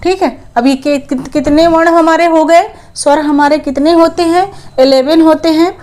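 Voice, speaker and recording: A young woman teaching Hindi grammar in an online lesson. She asks questions and answers them herself, repeats each point, and draws out the vowels slowly when she demonstrates them. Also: high-pitched, steady tone, a little mellow.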